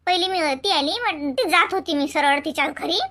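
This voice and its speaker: A woman voicing a caring adult sister in an animated comedy, chattering and fussing with a Varhadi Marathi accent. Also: very high-pitched, moderate pace, background noise.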